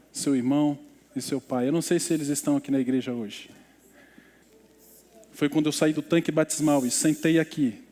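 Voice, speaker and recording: A man with a Brazilian Portuguese accent, preaching as a pastor and telling a story in church. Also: on the high side. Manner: storytelling, quiet and emotional in places. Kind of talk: sermon. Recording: long church reverb.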